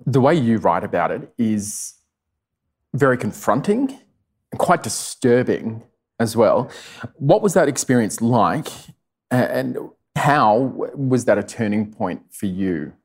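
A male interviewer putting measured, thoughtful questions to his guest in a live conversation. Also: mid-range voice, lively intonation.

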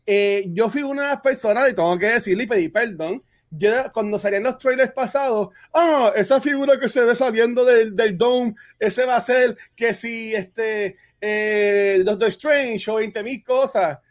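A man's voice: extremely high pitch, unhurried, few pauses. A man co-hosting a casual chat, enthusiastic and rambling, with many restarts. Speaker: podcast co-host.

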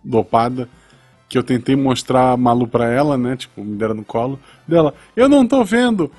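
A man with a Brazilian Portuguese accent, co-hosting a casual podcast and dropping quick joking asides. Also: medium pitch, steady tone, darkish tone, faint music behind. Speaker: podcast co-host.

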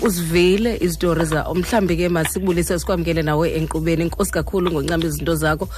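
A woman's voice: on the low side, steady tone, rapid-fire, darkish tone. A South African woman hosting a radio interview, putting questions to her guests. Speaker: radio host.

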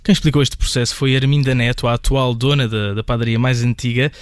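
A man, a radio reporter reading scripted narration in a measured way. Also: medium pitch, fairly even intonation, clear, resonant tone, no echo, clean studio sound.

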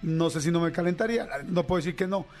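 A middle-aged Mexican man with a Mexican accent, hosting a casual radio chat as a quick, animated storyteller. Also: on the high side, soft background music. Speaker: host.

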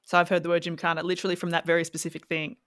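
Wry Australian woman, low dry voice. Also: flat delivery, fairly bright tone, dry recording. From Brisbane, Australia. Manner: wry, teasing, quick asides. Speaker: podcast co-host. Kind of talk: casual chat.

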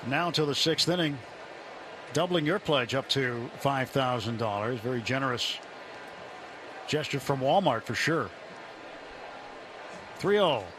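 A man calling baseball play-by-play live from a broadcast booth, speaking in measured short phrases between conversational remarks. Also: medium pitch. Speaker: baseball radio play-by-play announcer. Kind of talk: live sports commentary mixed with booth interview. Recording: ballpark booth with clear outdoor background noise.

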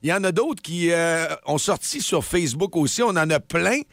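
Easygoing Quebec French radio host. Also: male voice, a little high, lively intonation, moderate pace, fairly bright tone, no room sound, clean studio sound. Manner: easygoing, takes calls and gives the time. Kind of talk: casual radio banter. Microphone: studio microphone.

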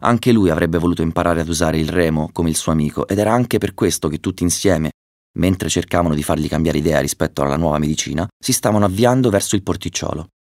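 A man narrating a children's story in a steady, measured way. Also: low voice, no echo, clean studio sound.

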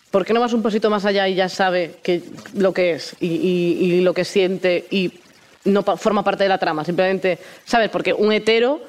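A podcast co-host in casual chat, hesitant with many restarts, dropping wry asides. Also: medium pitch.

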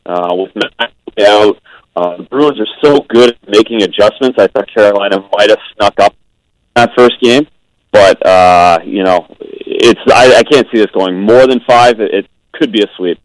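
Lower-voiced man calling in by phone. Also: no room sound. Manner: measured, frequent ums and restarts. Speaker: guest analyst, former goaltender. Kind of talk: phone-in radio interview. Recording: phone line.

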